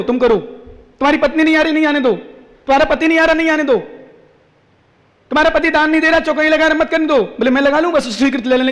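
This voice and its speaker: High-voiced preaching man in a reverberant hall. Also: fairly bright tone. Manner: emphatic, repeats key phrases, asks rhetorical questions. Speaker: Jain monk preacher. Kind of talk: sermon with chanted scripture verses.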